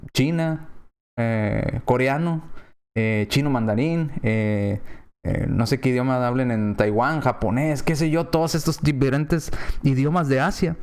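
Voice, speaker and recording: A Mexican-accented man preaching in a voice pitched a little above the usual male range. He reads scripture aloud, then stops to explain it, tossing rhetorical questions out to his listeners. His tone is that of a preacher teaching a congregation. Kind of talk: Bible-reading sermon.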